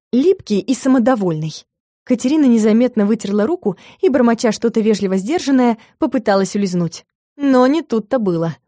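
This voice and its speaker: Woman narrating, dark mellow voice. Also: on the high side, dry recording, clean studio sound. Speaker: audiobook narrator. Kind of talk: scripted narration of a romance novel.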